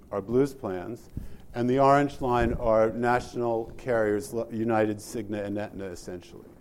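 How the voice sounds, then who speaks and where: A man with a mid-range, darkish voice presents pricing data from slides at an industry session. He explains the slides, asks the audience for input, and often restarts his sentences.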